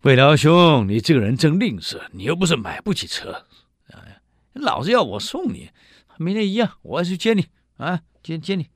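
A man's voice: fairly high pitch, very animated, normal speed, no room sound, studio quality, pitched above the performer's own voice. A man voicing a hearty jovial chancellor. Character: hearty, generous male chancellor.

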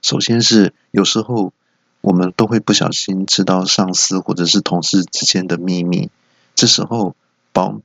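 Office humor drives this solo comedy monologue, in which a podcast host with a Taiwanese Mandarin accent plays the characters through high, squeaky outbursts as he tells each story. There's vocal fry in his voice, and the audio is dull with no room sound.

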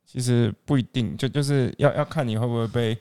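A man's voice: medium pitch, a little fast, dark tone, smooth. Teasing, hesitant man. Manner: dry teasing remarks, hesitant restarts. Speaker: podcast co-host. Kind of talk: casual chat.

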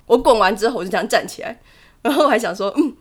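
A woman's voice: fairly high pitch, animated. A woman co-hosting a podcast, telling a story in casual chat and laughing often as she talks. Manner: tells a story quickly and vividly, often laughing. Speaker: podcast co-host.

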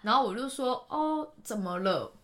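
A young woman, a podcast guest telling a personal story in an animated way, laughing often and trailing off into restarts. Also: on the high side, moderate pace. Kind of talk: casual storytelling.

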